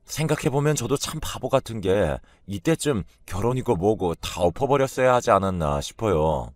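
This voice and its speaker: A man's voice: lowish voice, animated, moderate pace, a little mellow, dry recording. A man narrating a first-person family story in a complaining, resentful tone.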